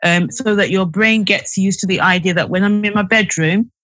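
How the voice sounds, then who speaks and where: A woman's voice: medium pitch, moderate pace, fairly bright tone, no room sound, low-quality recording. Podcast guest: woman psychiatrist, chatty explainer, restarts often, dry close sound. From United Kingdom. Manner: explanatory, many fillers and restarts. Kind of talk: podcast interview.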